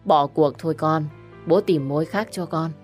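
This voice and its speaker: A woman's voice: sits low, normal speed, a little mellow, soft background music, lightly acted. A woman voicing a stern middle-aged father scolding his daughter.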